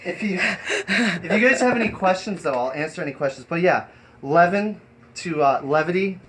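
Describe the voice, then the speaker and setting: A man with a high, animated voice hosts and performs on an improvised live stream, speaking at a normal speed over crowd noise. He rambles and hesitates while chatting and explaining things, and the stream carries a lot of ambient sound.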